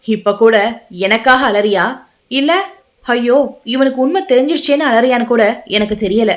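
A woman's voice: on the high side, normal speed, lightly acted. A woman voicing a bitter, betrayed young husband who scolds harshly in an audio novel. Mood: furious.

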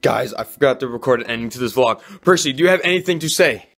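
A young man filming a casual vlog on a phone at arm's length as he walks through a mall and cinema, excitable and saying "dude" and "bro" constantly. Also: medium pitch, fast, gravelly, soft background music. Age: young adult. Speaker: vlogger. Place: shopping mall and cinema, indoors. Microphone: handheld phone at arm's length.

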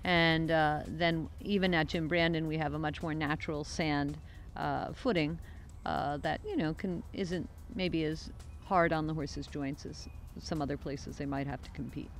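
Relaxed woman answering interview questions outdoors. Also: low-pitched, a little slow, slight background noise. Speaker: guest, show organizer. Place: outdoors on a sunny farm lawn. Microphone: interviewer's handheld microphone.

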